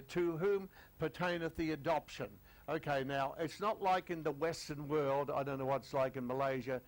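An older man teaching a sermon, chatty with many fillers, reading scripture slowly, his voice a little croaky. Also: mid-range voice, poor audio. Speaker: preacher.

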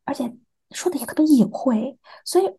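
A woman's voice: high voice, lively intonation, a little fast, dark tone. A young woman from China, a podcast interview guest, hesitantly recounting a personal experience and acting out remembered dialogue.

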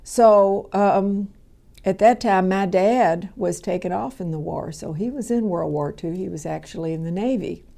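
A woman, talking through a radio Bible lesson in an easy, conversational way. Her voice is mellow and soft-edged, sitting at an ordinary pitch for a woman. She wanders a bit, doubling back with fillers and restarts as she goes. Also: unhurried, vocal fry. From Kentucky, USA. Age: 70s. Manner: rambling, with frequent fillers and restarts.

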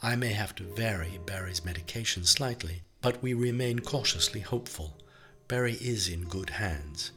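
A man's voice: fairly low pitch, fairly bright tone, soft background music, natural voice. A man doing a prim Swedish doctor, politely formal. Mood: smoothly reassuring. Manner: polite, formal, carefully measured phrasing. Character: prim middle-aged male Swedish doctor, smoothly reassuring.

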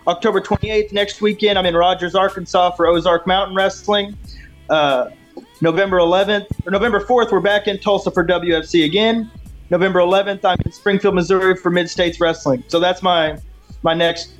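A man with a high-pitched voice talks as a pro wrestler in a casual interview. He sounds earnest and sure of himself, with faint music behind him. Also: fairly even intonation, a little fast. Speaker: professional wrestler being interviewed. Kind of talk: casual interview talk with confident self-promotion.

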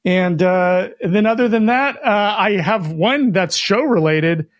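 A man's voice: high-pitched, a little slow, no echo. A man co-hosting a retro gaming podcast, chatting in an upbeat way with frequent restarts. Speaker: podcast co-host. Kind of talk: casual chat.

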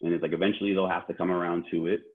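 A man's voice: deep voice, little pitch movement, rapid-fire. A man born in Korea, speaking as an interview guest in a loose, rambling way with many fillers and restarts. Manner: rambling, heavy use of "like" and restarts. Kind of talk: casual conversational interview. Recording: tinny phone-like line.

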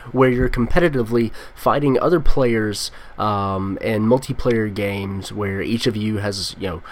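A male podcast host with a mid-range voice, chatting casually and upbeat. He leans on fillers like "uh" and "um" as he talks through his intros and questions. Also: medium pitch.

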